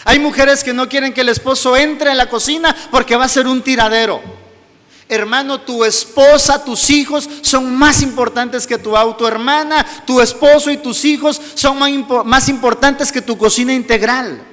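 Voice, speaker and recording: A man, a pastor preaching a sermon and telling a personal story in soft, low tones. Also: fairly even intonation, moderate pace, long reverb tail. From Mexico. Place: church hall.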